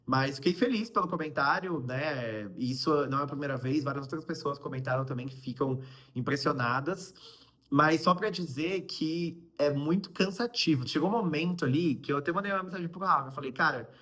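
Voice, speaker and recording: A man's voice: fairly high pitch, a little fast, bright, forceful tone. A young man from Brazil with a Brazilian Portuguese accent, chatting casually to his viewers in a vlog, full of fillers and asides. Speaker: vlogger.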